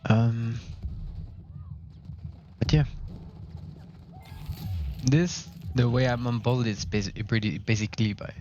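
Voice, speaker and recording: A man's voice: medium pitch, fairly even intonation, slow pace, pauses often, a little mellow, dull audio, slight background noise. A man with a Quebec French accent chatting casually to his stream while playing, with frequent restarts and self-corrections. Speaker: gaming streamer. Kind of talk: casual live-stream commentary.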